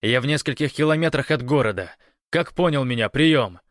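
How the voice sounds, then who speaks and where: A man voicing a desperate young man who yells commands over a radio, high and loud, in a dry recording. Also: brisk, no room sound, natural voice. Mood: commanding. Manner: shouting, commanding.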